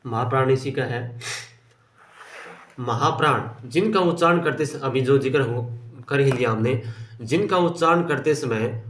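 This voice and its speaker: Slow, deliberate male grammar teacher. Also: mid-range voice, reverberant. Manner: slow, repeats terms, asks and answers own questions. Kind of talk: explaining grammar lesson.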